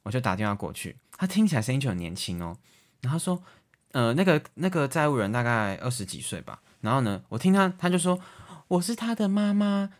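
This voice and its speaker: A man with a Taiwanese Mandarin accent, speaking quickly at a middle pitch. He tells his stories in casual chat and puts on higher voices when quoting callers. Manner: animated, acts out callers in raised voices. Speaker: podcast guest, debt collector.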